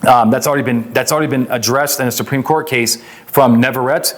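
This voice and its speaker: With a mid-range voice, a steady tone and a quick pace, an American man gives an explanatory legal lecture. He stays emphatic and conversational, teaching by posing questions and then answering them.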